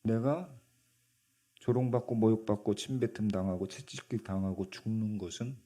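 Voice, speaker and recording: A man voicing Jesus as an earnest, gentle male teacher, in a plain sermon voice. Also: fairly low pitch, fairly even intonation, moderate pace, natural voice. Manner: earnest, explaining.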